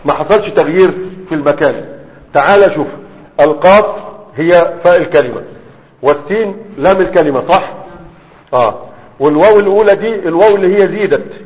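Egyptian male teacher, fairly high voice, lecturing with constant check-in questions; muffled sound with a long echo. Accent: Egyptian Arabic. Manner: keeps checking in with rhetorical questions to the class; pauses often with drawn-out fillers while writing. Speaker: Arabic grammar teacher. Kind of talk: explanatory grammar lesson. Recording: dull, reverberant classroom-style recording.

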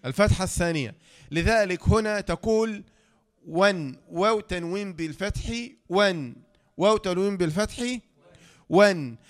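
A man with an Egyptian accent teaching a tajweed lesson, who asks the class questions, answers them himself, and slowly draws out the example sounds. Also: high-pitched. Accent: Egyptian Arabic. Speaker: Quran recitation teacher.

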